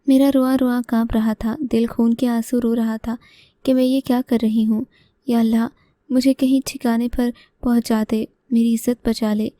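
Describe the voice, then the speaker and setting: A woman narrates a first-person story in a steady, measured manner. Her voice sits fairly high but stays flat, with a very dark, mellow tone. The recording is dry and close. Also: no echo.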